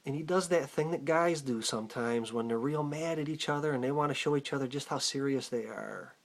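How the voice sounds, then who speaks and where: A man casually telling a personal story in a deadpan, conversational way. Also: medium pitch, a little fast, vocal fry.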